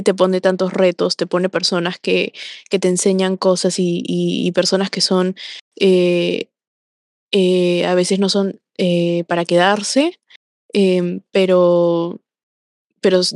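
A woman co-hosting a casual podcast, talking with many pauses and fillers and slipping into English phrases. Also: lowish voice, a little mellow, no echo, studio quality. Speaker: podcast co-host.

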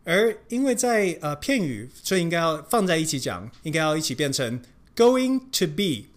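An English pronunciation teacher giving a language lesson, explaining in Mandarin and modeling English words slowly and repeatedly. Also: medium pitch, very animated. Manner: switches between Mandarin explanation and English examples.

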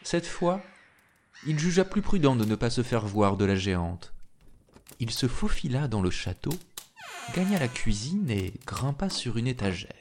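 A man reading a fairy tale aloud in an expressive storytelling manner. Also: mid-range voice, a little hiss or hum. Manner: slow, expressive, lively.

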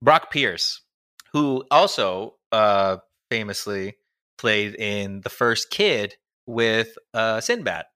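Young guy chatting movies, bright tone, dry sound, trails off a lot. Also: fairly low pitch, lively intonation, slow pace, dry recording. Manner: laid-back, laughs often, trails off mid-sentence. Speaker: podcast co-host. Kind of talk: casual movie review chat.

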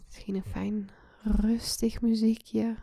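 A woman leading a guided meditation in a soft, breathy, soothing voice that often slips into a hushed spa-like whisper. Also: on the high side, flat delivery, slow, dry recording. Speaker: guided meditation podcast host. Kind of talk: slow guided relaxation meditation.

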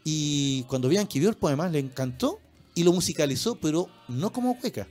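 A Chilean man hosts a relaxed radio chat, his voice a touch high. He keeps tossing in small tag questions as he talks. Soft music plays faintly behind him. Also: normal speed. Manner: peppers speech with tag questions. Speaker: radio host.

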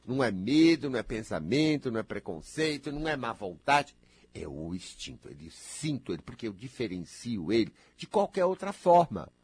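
A man giving a spiritual talk, emphatic and scolding, swinging between loud outbursts and low murmurs, with a husky voice. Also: dry recording.

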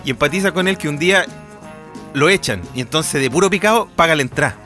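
A man's voice: a little high, fast talker, over music. A Chilean man co-hosting a podcast, chatting casually about films and acting out characters' lines as he retells scenes. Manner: animated storyteller, acts out characters' lines. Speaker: podcast co-host.

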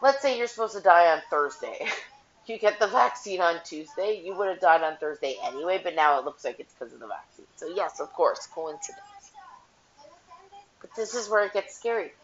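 A woman's voice: lowish voice, lively intonation, normal speed. A woman and mother ranting casually to camera, blunt and profane, rambling with lots of "like". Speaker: vlogger, mother. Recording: dull lo-fi audio.

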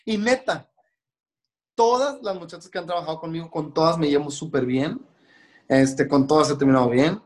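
Man, Mexican Spanish accent, somewhat high voice, hair and makeup stylist, casual podcast storytelling, acts out other people's voices. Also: moderate pace. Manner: chatty, acts out voices of people in his stories.

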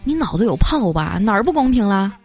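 A woman voicing a sharp-tongued, bossy wife who talks coolly and sarcastically. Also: medium pitch, very animated, brisk, breathy edge, soft background music. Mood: sarcastic. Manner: sarcastic, cool.

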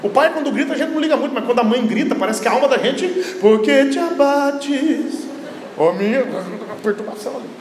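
A male pastor with a Brazilian Portuguese accent preaching in a church, swinging between shouted passages and low quiet asides. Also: lively intonation, fairly quick, a little hiss or hum. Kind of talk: sermon. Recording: echoey hall with long reverb.

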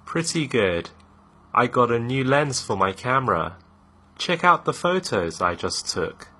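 A man as a lively British friend. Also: medium pitch, measured pace, heavily acted. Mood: friendly. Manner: lively, clearly articulated crisp T sounds. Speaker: dialogue speaker in an English lesson. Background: background music.

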